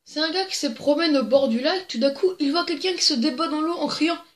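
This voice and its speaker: This joke-video host is a young woman with a high voice and a brisk pace. Into a plugged-in desk microphone, she casually reads jokes to the camera, giggling, rambling and dropping crude comments, while the room sounds echoey.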